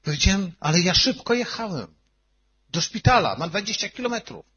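Male pastor, raised pitch, husky, emotional sermon testimony that drops to a hush and rises to near-shouting; muffled lo-fi audio. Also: big pitch swings, brisk. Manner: emotional storytelling, swinging from hushed to loud.

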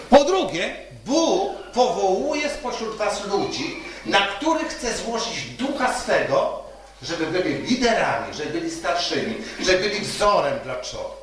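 A man's voice: sits high, fairly bright tone. A male pastor preaching a sermon, telling stories and often asking the congregation "right?". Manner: storytelling with rhetorical "tak?" questions. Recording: echoey hall from far off.

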